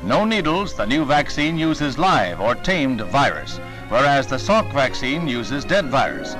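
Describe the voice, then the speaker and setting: Male narrator, old newsreel, brisk and wry, loud music under the voice. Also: mid-range voice, very animated, rough recording. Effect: old newsreel soundtrack.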